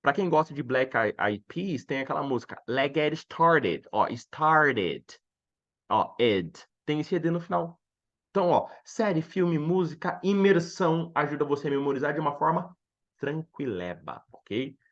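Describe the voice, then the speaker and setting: A man with a Brazilian Portuguese accent teaching English in a live online lesson, slowly repeating each word twice and chatting with viewers. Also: a little high, highs cut off. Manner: chatty, animated explaining to viewers.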